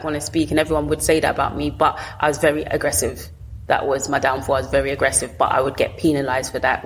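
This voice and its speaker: A woman with a low voice and a south London accent speaks candidly as an interview guest. She talks colloquially, in short bursts, often rewording as she goes. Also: slight background noise. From south London, England. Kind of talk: candid personal storytelling in an interview.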